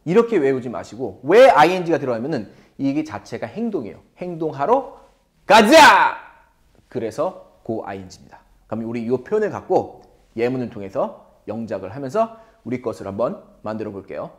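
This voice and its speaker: A man's voice: medium pitch, very animated, brisk, a little mellow. A man teaching an English lesson to viewers in a playful way, asking them questions.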